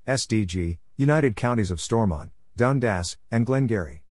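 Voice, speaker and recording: The recording has no echo, and the man's voice is fairly low, animated and darkish in tone, at a moderate pace. He reads a scripted Morse code practice drill, spelling codes and place names letter by letter in short, isolated phrases.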